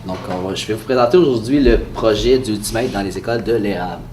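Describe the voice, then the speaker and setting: A man with a Quebec French accent and a head cold, giving a halting, hesitant presentation as an association president at a press conference. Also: on the low side, a little mellow. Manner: hesitant, halting delivery with frequent pauses. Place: indoor room at a press event. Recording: echoey room, distant mic, faint noise.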